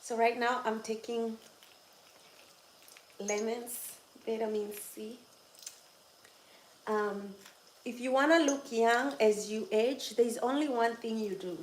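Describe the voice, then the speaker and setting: Hosting a casual livestream from home, a woman above twenty-six chats and teases her viewers, laughing often. She speaks slowly with long pauses, in a slightly high voice with fairly even intonation. Echo and faint noise are audible in the room.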